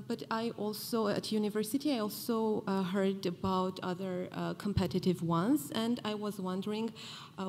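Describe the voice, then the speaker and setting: A woman in her twenties from Armenia gives a talk at a podium mic in a large conference hall. She speaks earnestly in a middle pitch, stopping often on fillers. The hall rings with a long reverb over a faint hiss. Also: darkish tone. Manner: earnest, with frequent fillers and pauses.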